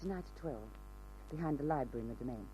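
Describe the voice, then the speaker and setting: A man with a mid-range, warm voice that sounds close to everyday speech performs a cool, self-possessed mystery woman in an old 1940s-50s radio crime drama. He delivers it animated and at a quick pace, teasing and fully in control. The recording is a noisy old radio capture.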